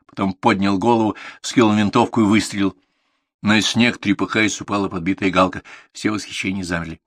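Low-pitched guy reading a story, calm and even, super dry studio sound. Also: a little fast, dry recording. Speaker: audiobook narrator. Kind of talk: scripted literary narration.

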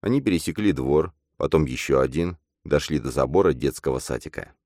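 Deep-voiced man narrating a story, steady pace, dry studio sound. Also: a little fast, dry recording. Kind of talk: audiobook narration.

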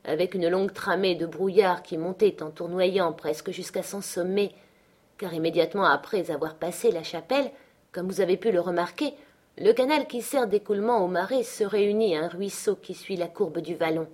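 A woman narrating a classic novel as an audiobook in a measured storytelling manner. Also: on the low side, a little mellow.

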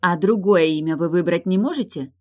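A woman's voice: mid-range voice, sing-song, moderate pace, a little mellow, pitched above the performer's own voice, natural voice. A woman voicing a pregnant young princess in an audiobook, sweet on the surface and commanding underneath. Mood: sweetly bossy. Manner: sugary but commanding.

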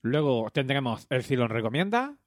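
A man's voice: medium pitch, sing-song, moderate pace, dry recording, clean studio sound. A man with a Spain Spanish accent co-hosting a podcast with casual, playful banter and section introductions. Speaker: podcast co-host.

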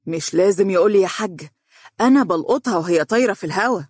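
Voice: mid-range voice, quick pace, darkish tone, husky, no room sound, studio quality. A narrator doing a coaxing young Egyptian son. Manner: coaxing, teasing. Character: playful young man, devoted son.

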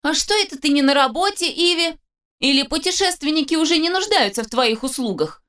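A woman's voice: big pitch swings, normal speed, fairly bright tone. A woman voicing a smug, whiny young man in an audiobook, speaking in a sugary, sneering way. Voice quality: shrill, nasal whine. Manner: sugary, sneering, then wheedling. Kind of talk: audiobook narration.

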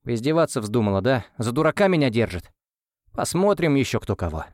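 A man's voice: mid-range voice, very animated, a little fast, a little mellow, no echo, studio quality, close to an everyday voice. A male audiobook reader voicing a cocky young man who talks in a boastful, mocking way. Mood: scheming. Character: scheming cocky young man, playful troublemaker.

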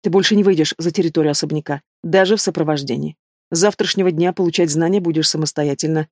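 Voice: mid-range voice, fast talker, darkish tone, no echo, clean studio sound, lightly acted. A reader doing a stern werewolf father. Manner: growling, commanding. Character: stern overprotective werewolf father, middle-aged.

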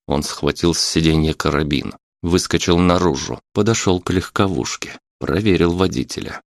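A man narrating an audiobook in a steady, even reading voice. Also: low voice, moderate pace, vocal fry, dry recording, clean studio sound. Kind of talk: scripted narration.

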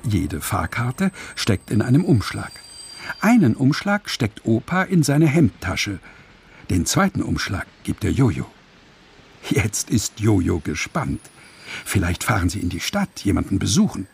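Husky man, playful storybook narration, gravelly, lively. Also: lowish voice, unhurried. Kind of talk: children's story reading.

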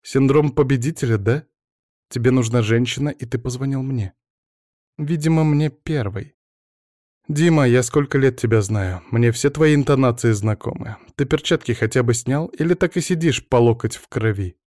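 A man reading an audiobook, voicing a sharp-tongued educated young woman who questions her estranged husband reproachfully. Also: medium pitch, moderate pace, no echo, clean studio sound, voice pushed up, close to an everyday voice. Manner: reproachful, probing.

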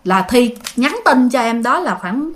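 Animated high-voiced Southern Vietnamese woman. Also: a little slow. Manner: animated, talks straight to listeners. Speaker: ghost storyteller. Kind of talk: casual spoken storytelling.

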